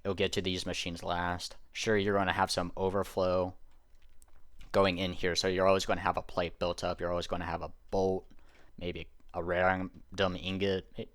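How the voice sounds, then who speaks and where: A man's voice: low-pitched, completely flat delivery, a little fast, a bit bright, no echo. A man giving a casual game tutorial, explaining step by step and correcting himself as he goes. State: hiccuping. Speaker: gaming YouTuber.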